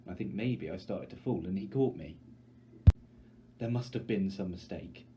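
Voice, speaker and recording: At a moderate pace, a man with a low voice narrates a story dramatically from a script, in the manner of a teacher or audiobook reader. Light background noise sits under a dull-sounding recording.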